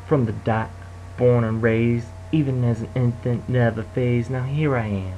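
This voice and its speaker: A man's voice: medium pitch, fairly even intonation, unhurried, dull audio, a little hiss or hum. A young man from the Detroit area rapping his own freestyle in a rhythmic, rhyming delivery. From Detroit area, United States. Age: young adult. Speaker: amateur rapper. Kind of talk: freestyle rap.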